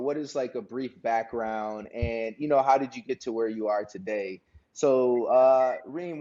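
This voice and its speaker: A man's voice: medium pitch, dark tone, lo-fi sound. A man hosting a casual interview show, upbeat and slangy, talking straight to his audience. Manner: hyped, slangy, addresses audience as y'all. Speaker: podcast host.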